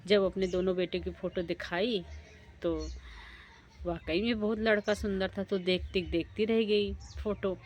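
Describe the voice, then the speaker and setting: A woman's voice: mid-range voice, steady tone, unhurried, a little mellow, slight background noise. A woman casually telling a folk tale in a plain, repetitive way. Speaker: storyteller. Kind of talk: casual oral storytelling.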